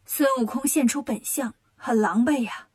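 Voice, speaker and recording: A woman narrating a children's story in a lively, expressive way. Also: fairly high pitch, moderate pace, husky.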